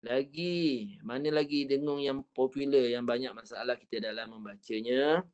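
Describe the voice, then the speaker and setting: A man's voice: mid-range voice, moderate pace, a little mellow, muffled recording. A man with a Malaysian Malay accent teaching Quran recitation online, patiently repeating each point and drawing out the recited syllables.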